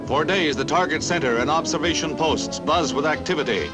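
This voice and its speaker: A 1950s newsreel announcer, a man with a slightly high voice, delivering each line in a brisk, punchy style. Loud music plays under his narration throughout. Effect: old newsreel recording.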